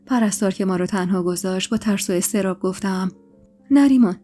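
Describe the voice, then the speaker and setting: Woman storyteller, first-person drama, emotional delivery, mellow tone, faint music. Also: medium pitch. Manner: emotional, expressive. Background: faint background music.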